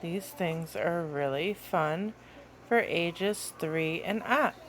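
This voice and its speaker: Her voice sits on the low side and she speaks slowly, with slight background noise. She's a presenter of a children's educational video, talking to toddlers about toys in easy words, as though reading aloud, with sing-song questions and a playful manner.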